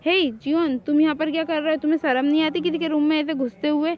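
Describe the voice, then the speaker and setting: A woman playing a feisty young fangirl in a homemade audio drama, defiant and quick to scold. Her voice sits high, and the recording is muffled and lo-fi. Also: steady tone, lightly acted. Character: feisty young woman, devoted boy-band fan. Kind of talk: hobby fan drama.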